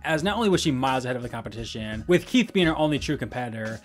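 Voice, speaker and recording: A man's voice: mid-range voice, expressive, rapid-fire, soft background music. A man narrating a scripted video essay as its host.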